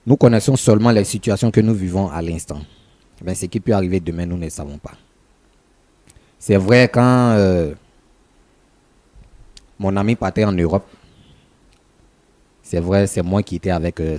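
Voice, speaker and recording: An actor playing a talk-show guest who calmly justifies taking his friend's wife and turns combative when challenged. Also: sits low, normal speed, long pauses, no echo, natural voice. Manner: calm justifying, then combative.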